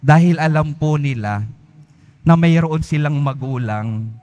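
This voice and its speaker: A male priest delivers an earnest sermon, circling back over his phrases and letting each one sink at its close. His voice sits a little high for a man. The sound carries a long, hanging reverb from a large church. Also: a little slow, a little mellow. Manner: earnest preaching, repeats phrases, voice falls at each phrase end.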